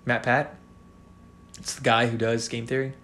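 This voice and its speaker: A man's voice: medium pitch, little pitch movement, moderate pace, fairly bright tone, slight background noise. A man in his twenties co-hosting a podcast, rambling and swearing in casual chat with lots of fillers. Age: 20s. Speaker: podcast co-host.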